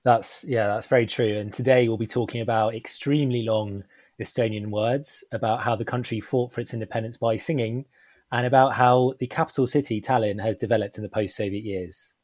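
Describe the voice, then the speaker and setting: A man's voice: mid-range voice, steady tone, brisk, a little mellow, no echo. A man hosting a podcast in casual chat, laughing often and using lots of fillers. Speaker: podcast host.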